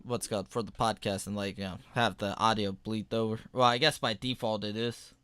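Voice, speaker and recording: A man's voice: lowish voice, fairly even intonation, a little fast, bright, forceful tone, smooth, dry recording. A man co-hosting a podcast, chatting casually with blunt, mocking jokes. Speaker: podcast co-host.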